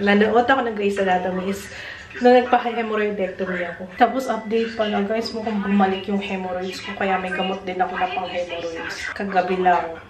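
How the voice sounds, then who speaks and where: A woman's voice: mid-range voice, rough recording. A woman vlogger talking candidly to her viewers at home in a casual, confiding way. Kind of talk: casual chat to camera.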